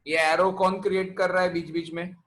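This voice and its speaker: A male physics teacher leads an online class and keeps putting questions to his students. His voice is bright and sits a little high. He slips English terms into his Hindi. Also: level tone, a little fast, rough recording.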